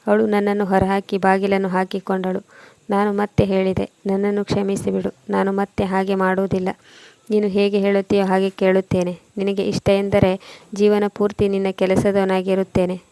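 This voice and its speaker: A woman's voice: medium pitch, creaky, dark tone, dry recording. A woman narrating a first-person story as a storyteller, reading steadily from a script.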